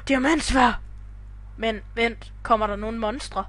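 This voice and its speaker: A woman's voice: medium pitch, steady tone, bright, forceful tone. A young woman chatting casually while playing a game with a friend, laughing often. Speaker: channel owner, gamer. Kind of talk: casual gaming chat.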